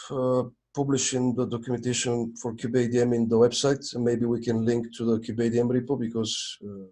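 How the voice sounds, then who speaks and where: His voice is mellow and medium-pitched as he chats casually on a video call. He maintains the project and, in this technical meeting, checks documents while thinking aloud.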